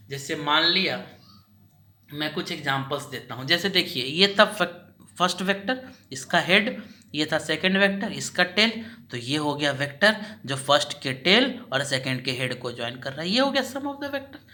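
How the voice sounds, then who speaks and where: Bright-voiced man teaching a class. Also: fairly high pitch. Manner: asks questions and answers them himself; patient, repeats each point slowly. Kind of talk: recorded class lecture.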